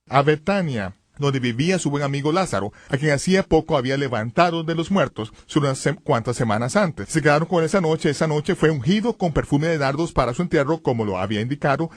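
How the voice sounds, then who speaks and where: A man gives dramatic Bible teaching, pushing his phrases hard and rising to loud exclamations. His voice sits fairly high. He is recorded dry in a studio booth. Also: no echo.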